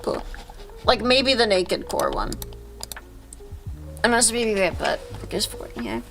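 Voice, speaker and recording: A woman hosting a casual livestream, chatting with viewers in a rambling, halting, slangy way with frequent self-interruptions and swearing. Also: mid-range voice, sing-song, gravelly, fairly bright tone, soft background music. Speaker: livestream host.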